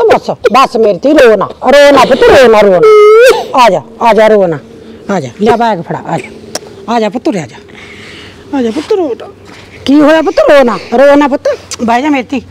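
A woman's voice: a little high, lively intonation, moderate pace, long pauses, a little hiss or hum, natural voice. A woman playing a soothing village mother. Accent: Malwa Punjabi. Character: consoling village mother and aunt. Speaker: actor. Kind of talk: village short film acting.

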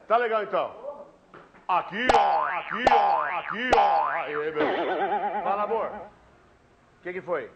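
A man playing a prank in a bar, arguing loudly on a fake phone call and repeating himself in exasperation. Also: sits high. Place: restaurant or bar. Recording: dull hidden-camera audio with background noise.

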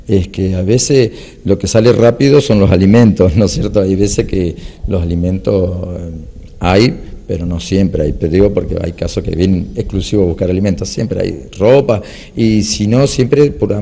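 A man in his fifties, a church elder, talking in a relaxed, rambling way with many fillers during a local TV interview in a hall. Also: low-pitched, creaky, husky. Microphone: handheld reporter mic.

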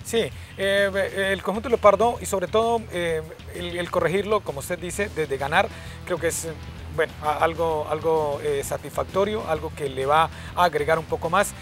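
A Colombian man talks football as a show co-host, in a fairly high voice. He phrases things haltingly, on a lapel mic outdoors, with faint music behind. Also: a bit bright. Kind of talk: unscripted match analysis. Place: outdoors in a park at night.

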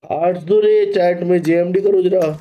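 In a small gaming room indoors, a live streamer in his thirties with an Indian accent reads and replies to viewers in relaxed, informal chat, mixing Hindi and English. He speaks high-pitched and unhurried with fairly even intonation, and the audio sounds dull.

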